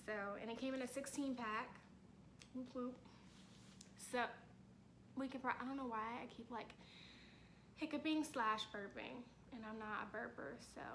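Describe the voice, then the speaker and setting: Casting: young woman vlogger, slightly high, bright voice, rambling chatty delivery, faint background hiss. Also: poor audio. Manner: chatty, rambling, many fillers. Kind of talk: casual chat to camera.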